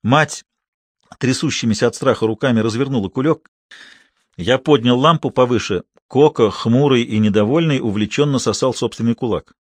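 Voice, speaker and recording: Brief: male narrator, medium voice, calm and understated, dry close recording. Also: medium pitch, normal speed, no echo. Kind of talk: audiobook narration.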